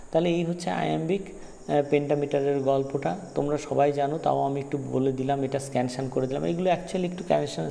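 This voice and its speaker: A man's voice: medium pitch, vocal fry, warm tone. A man teaching an English poem in a Bengali lesson, explaining terms patiently and repeating key words, with frequent fillers. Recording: long reverb, faint noise.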